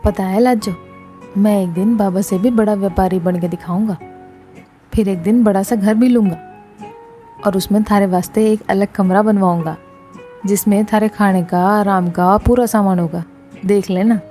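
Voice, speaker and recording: A woman's voice: mid-range voice, steady tone, normal speed, mellow, soft background music, natural voice. A woman voicing a stubborn, hot-tempered young village boy with a pleading manner. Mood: dreamy. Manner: pleading, tearful and breathless at times.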